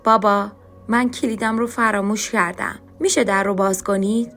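A woman's voice: medium pitch, steady tone, a bit bright, soft background music, close to an everyday voice. Woman doing a timid, trembling young son. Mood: pleading. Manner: trembling, pleading.

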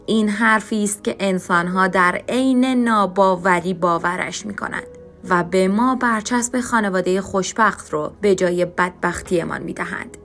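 A woman narrating a dark story in a reflective, bitter, questioning way, as scripted audiobook narration. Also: medium pitch. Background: faint music.

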